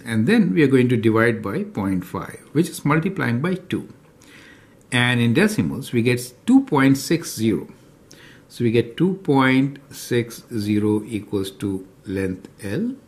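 Man, math tutor, unhurried, animated pitch, talks through worked problems. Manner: slow and deliberate, checks in with "right?" and "is that clear to you?". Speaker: math teacher. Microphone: off-camera voice over handwritten notes.

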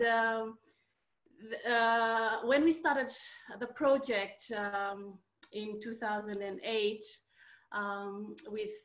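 Speaking from a small room at home over a video call, this guest speaker, an architecture researcher from Fiji in her fifties, recounts a personal story in an informal online talk. Her fairly bright, high-leaning voice comes haltingly, with frequent pauses. The computer mic gives it a roomy, echoey quality.

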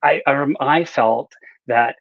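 Speaking from an indoor home room with bookshelves, this middle-aged novelist is an interview guest sharing personal anecdotes in a relaxed, conversational way, frequently starting his sentences over. His mid-range voice is unhurried and a bit bright, with no room sound. He talks through earbuds with no visible mic, and the webcam audio comes across slightly dull.

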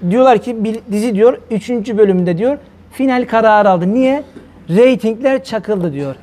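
A man's voice: high-pitched, lively intonation, normal speed, a little mellow. A male preacher giving a heated religious talk, firing rhetorical questions at his listeners. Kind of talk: fiery religious talk to viewers.

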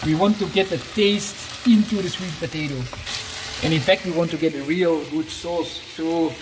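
A cooking vlogger, Dutch by first language, clowns around while demonstrating a dish at home and tends to restart lines midway. His voice runs a little high at normal speed. Captured on a handheld camera mic that moves about, the audio has kitchen echo, sizzling, and background noise.

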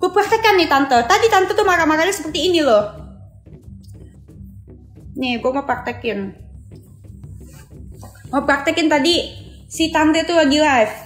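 A woman's voice: high-pitched, lively intonation, unhurried, pauses often, faint music behind. A young woman ranting sarcastically on a phone live stream, mocking and mimicking someone. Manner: taunting, sarcastic, mimics others.

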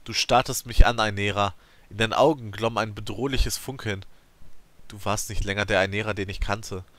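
A let's play host giving an emotive, theatrical reading of a game's story text, rising and falling in loudness. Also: male voice, on the low side, steady tone, moderate pace, dry recording.

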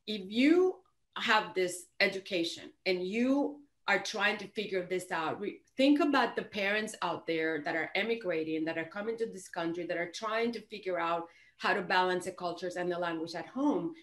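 A woman in her fifties from Puerto Rico with a Puerto Rican accent, chatting as a guest on a video call, animated and full of restarts. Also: on the low side, normal speed. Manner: animated, frequent restarts and "you know". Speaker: guest author. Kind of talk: casual interview chat. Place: home office, indoors.

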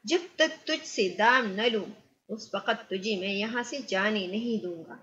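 A woman's voice: mid-range voice, fairly bright tone, close to an everyday voice. A woman voicing an arrogant man who angrily threatens and demands payment. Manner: harsh, threatening. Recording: muffled lo-fi recording.

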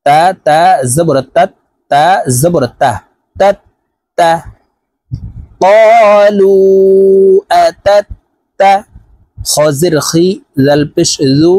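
Slow-spoken male Quran teacher, dry sound. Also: a little high, fairly even intonation, dark tone, breathy edge, no echo. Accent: Bangladeshi Bengali. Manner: slow drawn-out recitation of verses between quick explanations. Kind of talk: spelling-out Quran recitation lesson.

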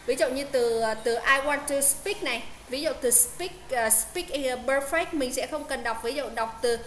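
Woman tutor, high voice, chatty explainer on a video call. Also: normal speed, reverberant, a little hiss or hum. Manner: explanatory, many fillers and repeated checks. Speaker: English pronunciation tutor. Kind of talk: casual online tutoring. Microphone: Zoom call.

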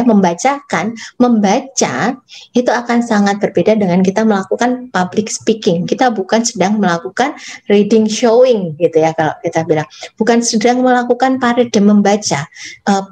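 A woman, teaching public speaking in a chatty workshop lecture, addressing her audience directly. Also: mid-range voice. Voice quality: soft, gentle voice. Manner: demonstrates phrasing by reading aloud.

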